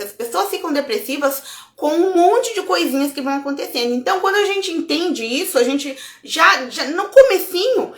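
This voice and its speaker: A woman's voice: high voice, echoey room. A Brazilian woman giving a casual motivational talk, speaking expressively and acting out her inner dialogue. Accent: Brazilian Portuguese. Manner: expressive, acts out inner dialogue, addresses viewers as gente. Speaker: self-development speaker.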